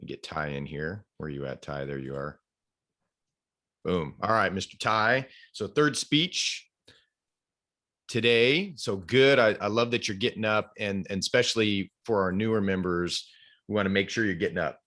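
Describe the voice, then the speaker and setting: A man's voice: low voice, normal speed, a bit bright. A man giving upbeat, rambling feedback on a speech over a video call, with lots of restarts. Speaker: speech evaluator. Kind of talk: casual spoken feedback in an online club meeting. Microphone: computer mic on a video call.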